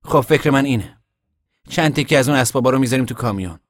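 A man voicing a steady, practical young man who lays out plans in an audiobook reading. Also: mid-range voice, no echo, pitched above the performer's own voice, natural voice. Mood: explaining. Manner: level-headed, explaining plans. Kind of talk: audiobook character voice.

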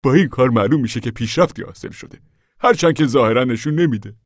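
A man voicing an earnest, calm, reflective preacher type who talks things through. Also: medium pitch, dry recording, studio quality, voice pushed up, natural voice. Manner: reassuring, thoughtful, storytelling.

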